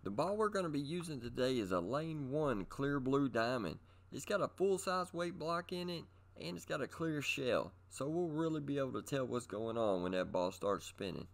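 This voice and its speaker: A middle-aged man hosts a bowling instruction video, delivering scripted narration straight to his viewers in an upbeat presenter style. His voice is mid-range and gravelly, very animated, at a moderate pace with hardly any pauses.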